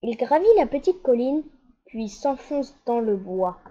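A woman narrating a children's storybook with a gentle, expressive reading. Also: on the high side, a little slow, very noisy. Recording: slightly dull lo-fi.

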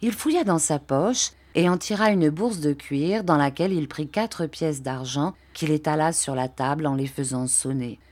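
A woman narrating a storybook in a measured, expressive reading. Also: deep voice.

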